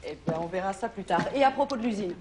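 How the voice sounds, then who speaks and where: Une actrice jouant une patronne enjôleuse au débit rapide. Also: female voice, medium pitch, expressive, noisy background, natural voice. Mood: coaxing. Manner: coaxing, wry. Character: persuasive female agency boss. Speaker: boss of an insurance investigation firm.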